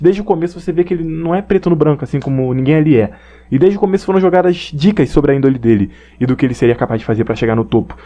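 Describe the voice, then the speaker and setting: A man's voice: on the high side, dark tone, highs cut off. A young man with a Brazilian accent, giving a casual, slangy, rambling opinion monologue on an anime and partly reading from notes. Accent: Brazilian Portuguese. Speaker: anime commentator.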